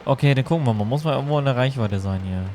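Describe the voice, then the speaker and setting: A man's voice: mid-range voice, racing. Rambling male game streamer over background noise. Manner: rambling, thinking out loud. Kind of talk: casual livestream gameplay commentary in German.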